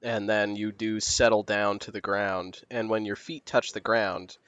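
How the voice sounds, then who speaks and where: A man narrating a tabletop game as game master in an unhurried, descriptive way, laughing easily. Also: lowish voice, steady tone, a bit bright, clear, resonant tone, dull audio.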